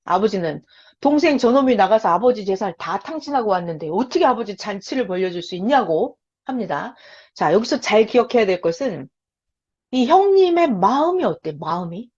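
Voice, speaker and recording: A woman's voice: medium pitch, brisk, breathy edge. A woman teaching a lecture for beginners, telling a story with animation and putting questions to her listeners, on a lo-fi recording. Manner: animated storytelling, quizzing the audience. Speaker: Bible teacher. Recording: lo-fi dull recording.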